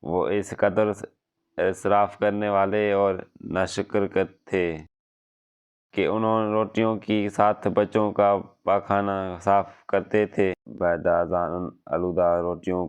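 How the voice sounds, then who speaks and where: A man telling a religious story in a measured and solemn way. His voice sits very low and stays level, with little movement. It sounds smooth and clear. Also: level tone. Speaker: narrator.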